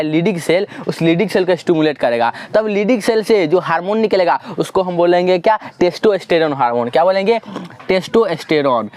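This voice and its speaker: A man teaching biology in a classroom lecture style, repeatedly asking questions and answering them himself, pushing students to answer loudly. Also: high voice. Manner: drills with repeated call-and-response questions.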